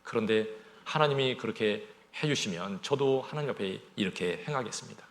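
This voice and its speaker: A man's voice: on the low side, expressive, fairly quick. A male pastor preaching a Sunday sermon, asking the congregation rhetorical questions as he goes.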